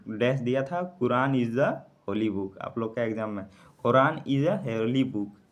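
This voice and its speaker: A man teaches English grammar in to exam students, with a voice of medium pitch. He keeps asking the class questions and then answers them himself. He spells out letters and example words slowly. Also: fairly bright tone.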